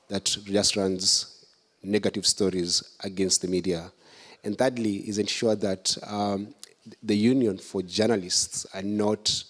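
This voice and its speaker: A man with a Kenyan accent, answering audience questions as a political candidate at a conference, earnest and building his points step by step. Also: deep voice. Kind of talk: public Q&A at a conference.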